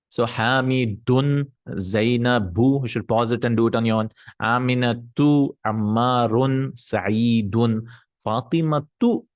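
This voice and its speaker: Male teacher, mid-pitched, patient, chatty lesson drills, dry close sound. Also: no echo. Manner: patient, explains and drills vocabulary aloud; chatty asides, laughs at himself. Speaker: Arabic teacher. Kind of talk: recorded language lesson.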